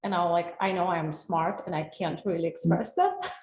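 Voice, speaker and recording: With a Russian accent, this wellness coach from Russia hosts an earnest, personal webinar live over a video call, posing questions to those watching. She speaks at a moderate pace in a lowish, darkish voice with fairly even intonation. The computer mic captures reverb and slight background noise.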